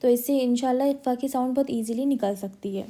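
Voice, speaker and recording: A woman's voice: high voice, quick pace, warm tone. A woman with an Indian accent teaching Quran recitation, patiently sounding out syllable after syllable for her students to copy. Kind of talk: slow drilling lesson.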